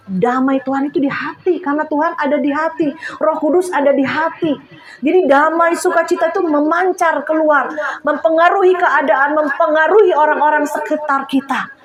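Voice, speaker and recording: A woman from Indonesia preaching a sermon in a church, telling stories lively with frequent laughter and outcries. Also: sits high. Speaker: lay preacher.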